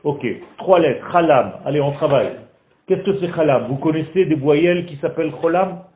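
Animated male teacher, slightly high voice, quizzing his class; echoey room, tinny lo-fi sound. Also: normal speed. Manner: animated, asks the group questions, teasing. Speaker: Torah teacher. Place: classroom in Israel.

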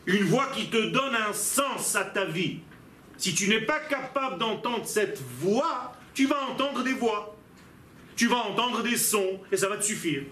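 A man's voice: sits high, a bit bright, slight background noise. A man teaching a religious lesson as a rabbi, emphatic and posing rhetorical questions to his listeners. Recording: echoey room.

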